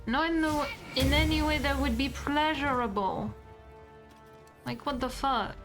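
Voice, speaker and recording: Woman streamer, casual game commentary, slow, chatty, swears freely. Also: high voice, music in the background. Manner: chatty, swears freely, explains her character's thoughts.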